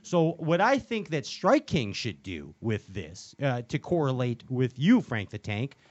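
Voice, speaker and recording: Joking, rambling man with a lively voice. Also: mid-range voice, unhurried. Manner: rambling, joking, many fillers and restarts. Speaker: host. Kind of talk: casual fishing chat. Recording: dull lo-fi sound.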